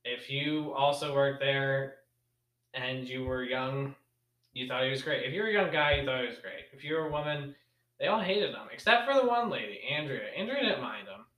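Young man, podcast co-host, rambling storyteller, bright tone, echoey room. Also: mid-range voice, lively intonation, normal speed. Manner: rambling storyteller, laughs often. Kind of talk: casual chat.

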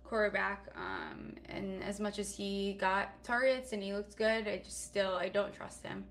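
A woman's voice: mid-range voice, flat delivery, measured pace. A woman co-hosting a casual fantasy football show, giving her opinions bluntly and playfully. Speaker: co-host.

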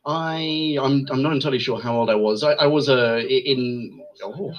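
A man's voice: mid-range voice, moderate pace, lo-fi sound. A man in his thirties from Sweden, a podcast guest talking in an enthusiastic, self-mocking, casual way. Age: 30s. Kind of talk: casual chat.

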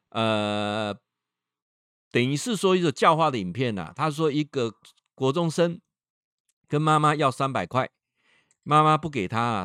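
A man's voice: medium pitch, fairly bright tone, smooth, no echo, studio quality. A man with a Taiwanese Mandarin accent, a professor hosting a livestream talk who tells stories and draws out the particles at the ends of his phrases.

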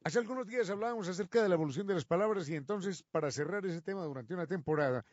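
A man presenting a radio segment on how words changed from Latin, drawing out each example word slowly and with emphasis. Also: high-pitched, dull audio, loud music behind the voice. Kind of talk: explanatory talk on word origins.

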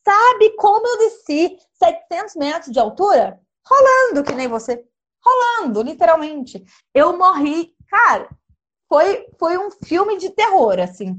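A young woman telling a dramatic personal travel story in casual, animated chat. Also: extremely high pitch, measured pace. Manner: lively, animated, dramatic retelling with gestures.

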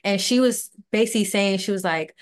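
A woman's voice: mid-range voice, fairly quick. A woman, a podcast co-host telling a personal story in casual, earnest speech and acting out the dialogue. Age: 20s. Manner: earnest, animated retelling with quoted dialogue.

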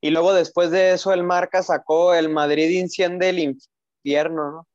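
High-voiced young man, dry dull audio. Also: little pitch movement, normal speed, darkish tone, no room sound. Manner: emotional, repeats phrases. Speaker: football podcast co-host. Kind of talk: casual fan chat.

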